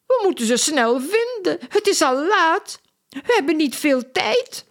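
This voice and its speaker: A woman voicing an excitable, fussy adult woman circus clown in a children's storybook, her voice high and exclaiming. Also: a little slow, heavily acted. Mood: frantic, excited. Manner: shrill and exclaiming. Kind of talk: storybook character voice.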